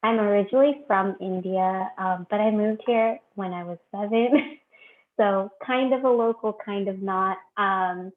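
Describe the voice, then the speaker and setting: A woman's voice: medium pitch, unhurried. A young woman, a graduate student, gives a chatty, upbeat self-introduction on a video call. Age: young adult. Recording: tinny phone-like video call.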